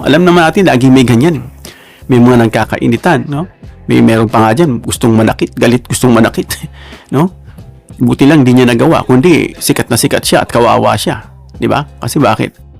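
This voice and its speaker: Gravelly Filipino man vlogging commentary. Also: medium pitch, darkish tone. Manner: chatty, frequent "no?" tag questions and asides to "mga ka-wonder". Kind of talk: casual commentary monologue.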